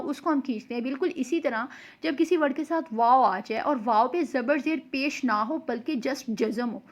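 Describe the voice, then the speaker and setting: A young woman patiently explaining tajweed pronunciation and reciting slow examples as a Quran recitation teacher. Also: high-pitched. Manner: patient and explanatory, often checks in with "okay".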